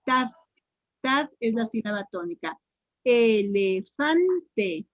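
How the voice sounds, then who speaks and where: A woman teacher with a Mexican accent tutoring grammar online, repeating answers and sounding words out slowly syllable by syllable. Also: on the high side, no room sound, lo-fi sound, soft background music. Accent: Mexican Spanish.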